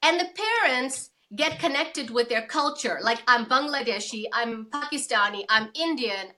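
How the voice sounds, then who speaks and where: A woman's voice: sits high, moderate pace, bright, forceful tone. A woman from South Africa, an author speaking as an interview guest in a forthright, emphatic way. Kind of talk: interview conversation.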